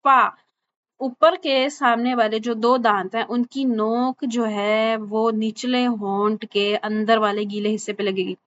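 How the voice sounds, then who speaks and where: A woman's voice: on the high side, flat delivery, a little hiss or hum. Patient woman teaching tajweed sounds. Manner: patient, repeats each sound slowly and checks with "thik hai?". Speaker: Quran recitation teacher. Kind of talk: online tajweed lesson. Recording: slightly dull lo-fi recording with faint ambience.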